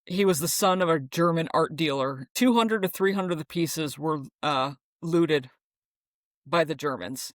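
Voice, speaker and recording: A podcast co-host in casual chat, reading out facts in a relaxed, rambling way with fillers and restarts. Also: medium pitch, a little slow, no room sound, clean studio sound.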